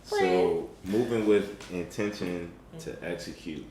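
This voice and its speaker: Super deep laid-back voice, lots of ums, echoey room faint hiss. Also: slow pace, crowd noise. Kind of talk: casual group chat.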